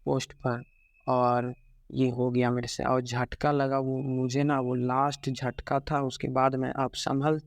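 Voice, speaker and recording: Subdued heartbroken young man, flat delivery. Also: mid-range voice, vocal fry, dry recording. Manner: halting, many fillers and restarts, subdued and regretful. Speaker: vlogger. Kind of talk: personal confessional vlog.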